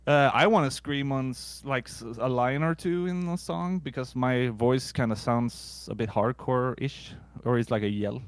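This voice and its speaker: A Swedish man in his thirties, a musician guest, chatting casually in a relaxed, halting way with casual swearing. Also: medium pitch, clear, resonant tone, dry recording. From Sweden. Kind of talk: casual interview chat.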